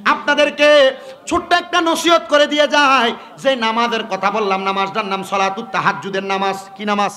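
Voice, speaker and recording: An Islamic preacher gives a waz sermon to a gathering, his high-sitting voice sharp in tone and moderately paced. He exhorts his listeners directly and prompts them to respond.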